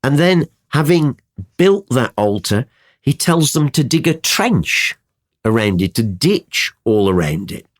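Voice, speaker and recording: Animated man retelling scripture. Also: mid-range voice, measured pace. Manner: animated storytelling, acts out quotes. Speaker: Bible teacher. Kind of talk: conversational Bible teaching.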